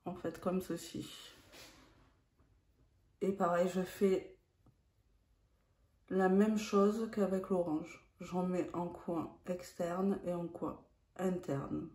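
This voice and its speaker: A woman explaining a makeup look step by step, in a calm tutorial manner. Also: fairly low pitch, slow pace, long pauses, roomy sound. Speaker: beauty vlogger.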